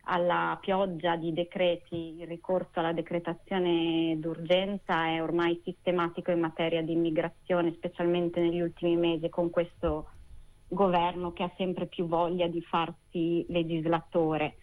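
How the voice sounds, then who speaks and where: A woman's voice: lowish voice, level tone. Woman lawyer calling in over a phone line. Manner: measured, precise legal phrasing. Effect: speaking over a phone line. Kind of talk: radio interview guest, legal analysis. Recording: tinny narrow phone line.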